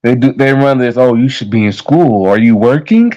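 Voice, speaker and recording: A man's voice: mid-range voice, lively intonation, moderate pace, lo-fi sound. An American man in his thirties talking to his viewers in a casual, heated monologue, blunt and full of profanity. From United States. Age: 30s. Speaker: vlogger.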